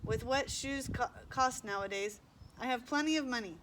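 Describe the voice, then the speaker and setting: Woman reading a no-nonsense lady transit cop, dry, a bit high. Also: normal speed, noisy background, lightly acted. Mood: matter-of-fact. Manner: matter-of-fact, dry advice. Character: brisk adult female transit cop, dry and practical.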